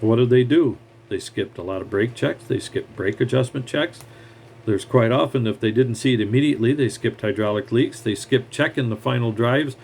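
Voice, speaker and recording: A man's voice: medium pitch, moderate pace, vocal fry, a little mellow, slight background noise. A mechanic, a man, giving blunt, heated advice in a scornful rant straight to the camera. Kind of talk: ranting advice monologue.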